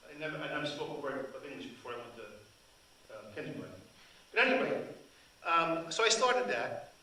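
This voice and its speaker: Speaking in a mid-range voice that is bright, forceful and animated, an older man keeps a moderate pace as he tells rambling tales with frequent restarts. He is a translator and author whose first language is Sicilian, giving a storytelling talk at a book event. The event hall is echoey and the mic is distant.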